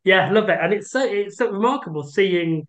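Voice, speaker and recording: A man's voice: sits high, expressive, normal speed. A man from the Nottingham area interviewing a guest, chatting like a fan with lots of fillers. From Nottingham area, England. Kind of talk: casual interview chat.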